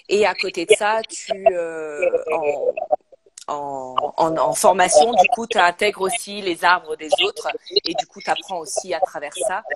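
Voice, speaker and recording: A woman speaking as a psychogenealogist guest in a casual live-stream interview, hesitant and full of filler sounds, speaking into a phone. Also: fairly low pitch. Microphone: phone, later a headset.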